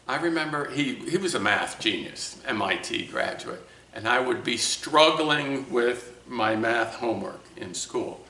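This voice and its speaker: A man talks slowly and thoughtfully to a camera, circling back and restarting as he gathers his thoughts. His voice is bright and clear. The room around him is echoey. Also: mid-range voice. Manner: slow, reflective, with many restarts. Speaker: speaker of a talk series. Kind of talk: personal talk to camera. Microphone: camera mic.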